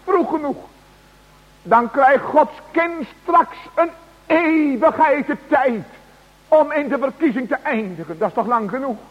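Slow, high-voiced preacher, husky. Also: male voice, lively intonation. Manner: slow, solemn preaching with emphatic cries. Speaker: pastor. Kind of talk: sermon. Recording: dull radio broadcast in a large hall.

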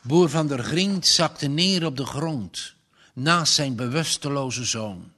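A man narrating a story aloud in a deliberate manner, with the occasional stumble. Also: fairly high pitch, animated, pushed and bright. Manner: slow, deliberate, with small stumbles.

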